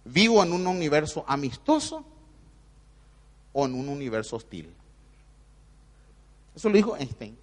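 High-voiced Rioplatense man preaching with reverb. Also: big pitch swings, a little slow, pauses often. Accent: Rioplatense Spanish. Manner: emphatic, addresses listener directly and familiarly. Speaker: motivational speaker on radio. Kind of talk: spiritual motivational talk.

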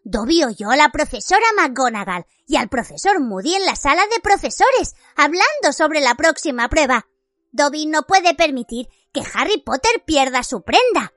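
A woman's voice: high-pitched, sing-song, normal speed, a bit bright, dry recording, faint music behind, voice pushed up. A woman voicing a small, eager male house-elf servant who talks in an earnest, formal way.

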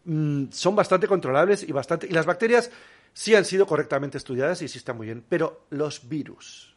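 A man's voice: fairly high pitch, lively intonation, moderate pace. A man guest talking casually in an interview, explaining with examples and rhetorical questions. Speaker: guest biologist.

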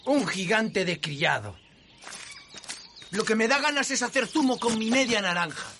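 A man's voice: high voice, very animated, a little slow, background noise, exaggerated voice. A man voicing a small, brave young cartoon hero with an earnest, courtly manner. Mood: bewildered. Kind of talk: cartoon film acting.

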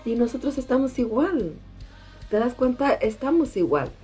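A woman's voice: on the high side, big pitch swings, moderate pace, dark tone, husky, soft background music. A mother in a casual devotional talk, speaking emphatically and repeating key phrases.

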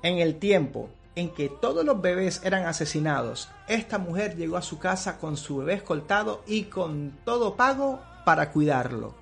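A man's voice: high-pitched, sing-song, moderate pace, gravelly, few pauses, faint music behind. A man preaching through a dramatized, theatrical retelling of a story.

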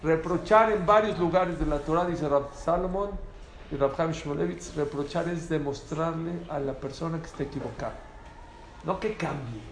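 A man teaching a lively Torah class to a small group, asking rhetorical questions and repeating phrases for emphasis. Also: on the high side, normal speed. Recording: roomy echo, faint background noise.

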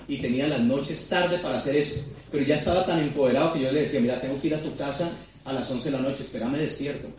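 Excitable man in an echoey hall. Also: fairly high pitch, slight background noise. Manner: fast, excitable storytelling with audience questions. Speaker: motivational speaker at a sales seminar. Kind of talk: storytelling seminar talk. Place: large seminar hall. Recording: very echoey hall, mic at a distance.

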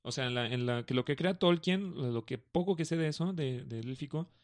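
Young Mexican man, co-host, relaxed slangy storyteller. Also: mid-range voice, brisk, dry recording, clean studio sound. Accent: Mexican Spanish. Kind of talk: casual podcast chat.

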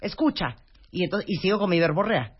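Lively woman co-hosting a chat. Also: mid-range voice, normal speed, slightly rough. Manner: lively, animated, reads listener comments. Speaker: radio co-host. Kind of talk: casual chat on parenting. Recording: dull lo-fi broadcast sound.

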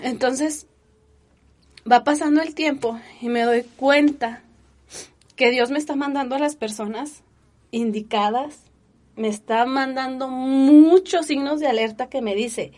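A woman, telling her personal story in an interview with earnest, animated feeling and many fillers. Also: sits high, measured pace, long pauses. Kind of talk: emotional personal testimony.

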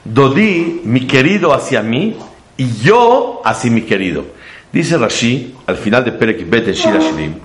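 A man's voice: medium pitch, sing-song, normal speed, slight background noise. A man giving a Torah sermon, asking rhetorical questions and using playful homely examples. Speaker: religious teacher. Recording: echoey room.

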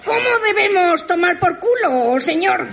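A woman's voice: very high-pitched, very animated, unhurried, creaky, fairly bright tone, echoey room, some chatter behind, a little hiss or hum, heavily acted. A woman playing a fervent, pleading follower.

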